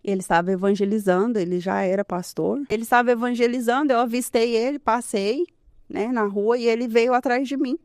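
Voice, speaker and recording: A fairly high-pitched woman in her thirties speaks a little fast and fairly evenly as she gives her testimony as an interview guest. Conversational and earnest, she often finishes with "né?" and soft laughter. The studio sound is clean, with no room sound.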